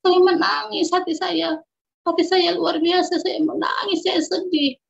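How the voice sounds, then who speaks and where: A middle-aged woman with a very high, piercing voice gives an emotional personal testimony. She talks fervently and earnestly and circles back over the same words. The recording is dull and lo-fi. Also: steady tone, a little slow, gravelly. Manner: fervent, earnest, often repeats herself. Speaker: mother giving a personal testimony.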